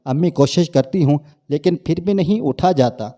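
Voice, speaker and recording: A man voicing a meek, exhausted young wife who speaks quietly in a family story. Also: on the high side, lightly acted.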